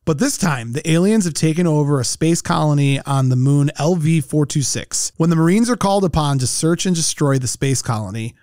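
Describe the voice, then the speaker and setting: Male podcast host, slightly high pitch, emphatic, casual film chat, dry recording. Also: brisk, few pauses, a little mellow, dry recording.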